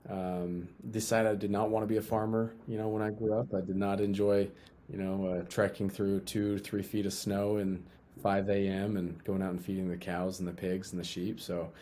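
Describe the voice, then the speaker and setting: A man's voice: deep voice, level tone, moderate pace, mellow, a little hiss or hum. A young man from Utah, a guest talking casually in an interview, often repeating and restarting his phrases.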